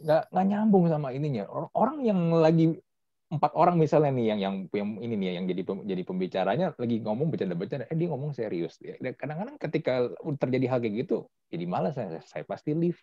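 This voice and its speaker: A man hosting a casual podcast chat, telling things in an animated, chatty way with slang. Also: mid-range voice, quick pace, dry recording. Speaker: podcast host. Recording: dull, dry lo-fi sound.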